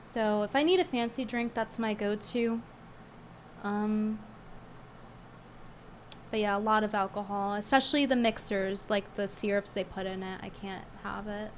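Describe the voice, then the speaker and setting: Unhurried and steady in tone, a woman with a medium-pitched voice pauses at length between remarks. A cold strains her voice as she chats bluntly, scornfully and casually with livestream viewers, reading tips aloud. Slight background noise is present.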